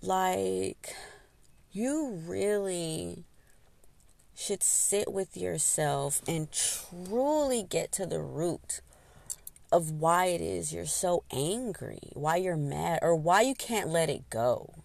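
A woman hosting a podcast, telling a story in a casual, animated way, laughing and snacking as she talks. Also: slow, creaky, no room sound. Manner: animated, laughs often, acts out quotes in high voices; eats while talking. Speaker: podcast host.

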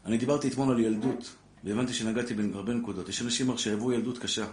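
A man's voice: mid-range voice, fairly even intonation. Rabbi guy preaching to a room, fired up, keeps saying brother, lots of echo. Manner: impassioned, addresses listeners as brother, rising to loud exhortation. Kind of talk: Torah class sermon to an audience. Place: lecture room with a live audience. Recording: echoey room with faint background noise.

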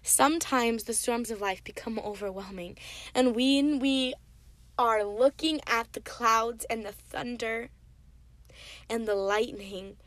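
A young woman giving a casual devotional sermon, retelling a Bible story and often dropping into soft whispers. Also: fairly high pitch, dry recording.

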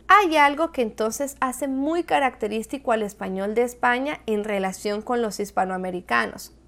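In a video lesson, a woman with a Latin American Spanish accent lays out Spanish clearly, easing her pace for example words. Her voice is a little high and a bit bright.

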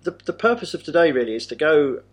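A man's voice: on the high side, very animated, quick pace. An English man hosting a podcast, talking in a dry, self-deprecating way. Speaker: podcast host.

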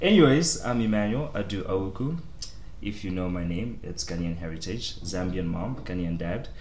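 A man's voice: sits low, animated, normal speed, a little mellow, reverberant, a little hiss or hum. A young man from Africa chatting casually and playfully as a podcast guest. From southern and western Africa. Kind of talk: casual chat.

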